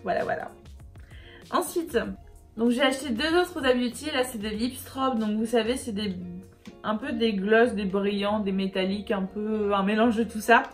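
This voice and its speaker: A woman's voice: a little high, normal speed, soft background music. Chatty upbeat woman beauty vlogger. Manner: chatty, upbeat, with many fillers. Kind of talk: casual makeup haul chat.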